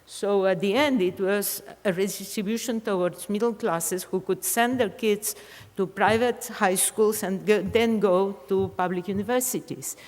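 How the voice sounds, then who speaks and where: A woman's voice: mid-range voice, unhurried, darkish tone, big-room sound. An older woman from Argentina, answering a question in an academic lecture, thinking aloud with frequent restarts and repeated words. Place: lecture hall.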